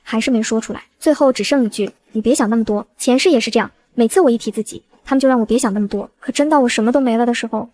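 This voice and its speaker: A woman's voice: a little high, rapid-fire, few pauses, darkish tone. A woman narrating a first-person drama, with a cold, resolute manner.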